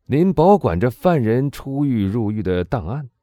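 A man voicing a cool, reserved Englishman who speaks calmly and deliberately in an audiobook. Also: medium pitch, dry recording, studio quality, voice pushed up, close to an everyday voice. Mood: probing. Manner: calm, measured, cool. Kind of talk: audiobook dialogue reading.

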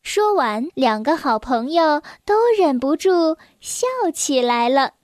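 A woman narrating a children's storybook in a gentle, unhurried manner. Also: high voice, expressive, no room sound, studio quality.

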